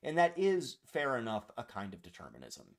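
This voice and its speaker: A man's voice: mid-range voice, huge pitch swings, a little fast. Rambling, joking male podcast co-host. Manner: rambling, self-deprecating, profane humor. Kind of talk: casual chat about a book.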